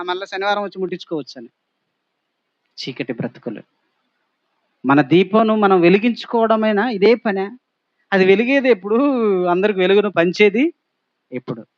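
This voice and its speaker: A man's voice: fairly high pitch, no room sound, dull audio. A male pastor preaching a sermon, pressing the congregation with repeated rhetorical questions and emphatic exhortations.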